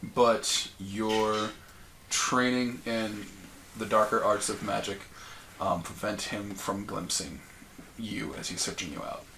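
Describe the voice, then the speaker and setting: A man's voice: on the low side, fairly even intonation, slow, creaky, sharp tone, a little hiss or hum, low-quality recording. A man narrating as game master in a loose, rambling way with many fillers.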